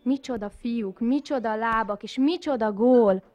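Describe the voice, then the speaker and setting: Actress as excited, gushing woman football commentator, high-pitched. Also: muffled recording, noisy background, lightly acted. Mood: swooning. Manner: gushing, exclaiming, repetitive. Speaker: sports commentator. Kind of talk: excited Hungarian sports commentary, comic radio sketch.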